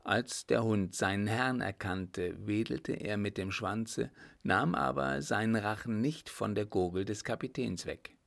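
A man narrating a story aloud in a measured, even storytelling manner. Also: fairly low pitch, gravelly. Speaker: audiobook reader. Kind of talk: scripted narration.

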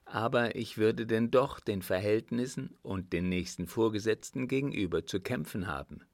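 A man's voice: on the low side, no room sound, studio quality, natural voice. Man playing a polite, earnest young officer. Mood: resigned. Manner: calm, measured and formally polite. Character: earnest young male army officer, wounded.

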